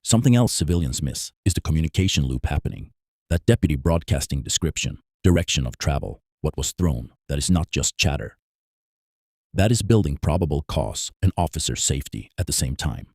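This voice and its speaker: A man with a very deep, dark voice walks through police procedure in a measured, emphatic voice-over. The sound is close and completely dry. He stresses key points plainly and firmly. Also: expressive, vocal fry, slightly rough, no echo. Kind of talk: scripted analytical narration.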